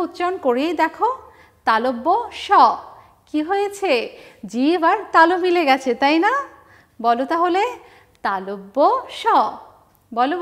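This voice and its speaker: A woman with a Bangladeshi Bengali accent teaching a first-grade alphabet lesson, stretching words slowly and prompting children to repeat after her. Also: sits high. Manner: slow, stretched call-and-response drilling of words; encouraging, sing-song prompting of children. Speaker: primary school teacher.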